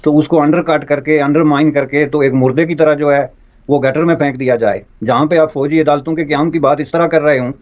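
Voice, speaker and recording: Male panelist, formal measured delivery, lo-fi sound. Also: fairly high pitch, fairly even intonation. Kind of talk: TV panel debate. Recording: dull lo-fi audio.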